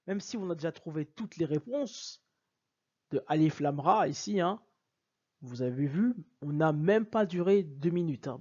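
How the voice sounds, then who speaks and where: Guy explaining slides, keeps saying look look, kinda husky, muffled lo-fi sound. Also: a little high, a little mellow. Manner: emphatic, repeats "regardez" and "bien sûr". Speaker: video lecturer on word origins. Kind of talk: explaining over on-screen slides.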